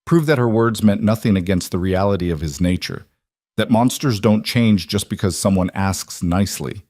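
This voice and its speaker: A man giving scripted, measured narration of a dramatic story. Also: on the low side, darkish tone, dry recording, clean studio sound.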